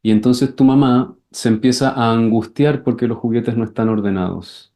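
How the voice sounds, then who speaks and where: A man leads an enneagram class at a measured pace. His voice sits at a middle pitch, and now and then he repeats words as he explains. He often acts out little scenes in sudden shouted voices. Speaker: enneagram teacher. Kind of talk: class lecture with questions and answers.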